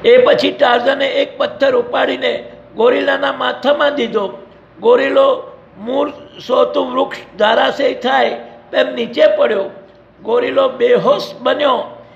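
A man's voice: extremely high pitch, steady tone, a little slow, gravelly. A man narrating a storybook adventure dramatically, in an echoey, dull lo-fi recording.

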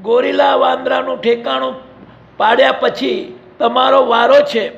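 A man's voice: extremely high pitch, fairly even intonation, unhurried, gravelly, a bit bright, heavily acted. A man voicing a scheming villainous male potion-maker in an accusing, menacing tone, in an echoey, dull lo-fi recording.

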